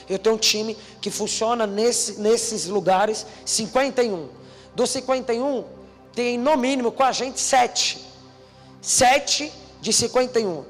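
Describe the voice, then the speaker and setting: Animated Brazilian man preaching in a hall. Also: very high-pitched. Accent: Brazilian Portuguese. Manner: storytelling, acting out dialogue, swings from hushed to shouting. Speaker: youth preacher. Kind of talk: preaching at a youth conference. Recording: reverberant hall with music behind.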